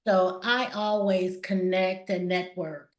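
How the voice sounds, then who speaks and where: A woman hosting an interview who is herself a claims adjuster, talking in lively, agreeing bursts. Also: lowish voice, slow pace. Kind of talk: interview conversation. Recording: echoey room.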